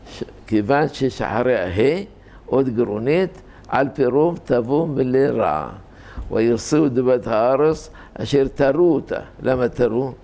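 An older man with a gravelly, creaky voice teaches scripture grammar in an informal, scholarly way. He explains point by point, repeating words and correcting himself as he works through each idea. His voice sits at a middle pitch. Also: a little mellow. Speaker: religious teacher.

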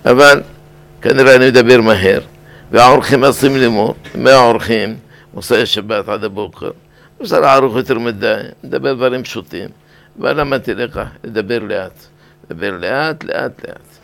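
An older man delivers a weekly sermon as a rabbi. His voice is rough and gravelly, sitting at an ordinary middle pitch. He speaks deliberately and repeats key words to drive each point home. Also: a bit bright. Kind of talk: weekly sermon on scripture and law.

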